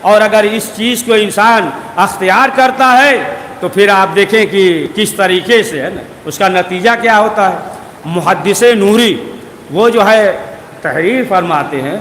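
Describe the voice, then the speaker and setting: A man with a high voice preaches at a religious gathering, spinning a story and leaning on habitual filler phrases and tags. His voice rings through a big reverberant hall, with a faint murmur of noise beneath. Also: a bit bright. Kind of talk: Urdu sermon storytelling.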